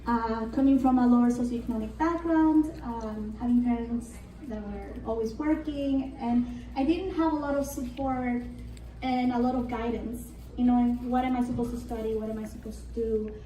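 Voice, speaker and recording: High-voiced woman speaking in a roomy hall. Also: steady tone, moderate pace, mellow, distant mic. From Argentina. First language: Spanish. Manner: earnest and reflective, with light laughs. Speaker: conference speaker. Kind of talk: prepared motivational talk. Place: conference hall.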